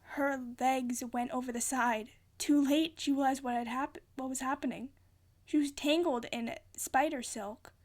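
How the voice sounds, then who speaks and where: A woman's voice: high-pitched, fairly even intonation, unhurried. A woman giving a theatrical, amateur storybook narration, often stumbling and rereading phrases. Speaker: amateur reader.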